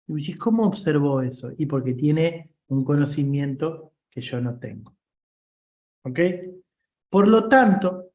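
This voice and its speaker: A man's voice: on the high side, a little mellow. Chatty Rioplatense man teaching in an echoey room. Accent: Rioplatense Spanish. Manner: conversational, checks in often with listeners. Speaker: leadership coach. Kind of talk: informal online class.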